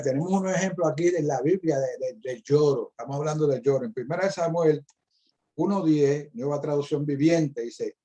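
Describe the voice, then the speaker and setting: Give me a middle-aged man with a dark, relaxed voice leading a Bible talk and quoting verses. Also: on the high side. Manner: preacherly, quotes scripture and stresses key words. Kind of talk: Bible discussion.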